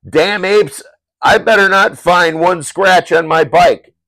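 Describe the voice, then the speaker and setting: A man voicing a gruff, hot-tempered male swamp hero, reading him out loud and raised. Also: medium pitch, unhurried, no echo, lightly acted. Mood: irritated.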